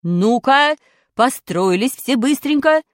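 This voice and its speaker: A stern, bossy singing teacher, played by a woman in a children's story, barking orders at a class. The voice rides up and down with lively swings and sits a little high. The sound is dry and close. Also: takes it slowly, no room sound. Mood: commanding. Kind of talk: storybook character voice.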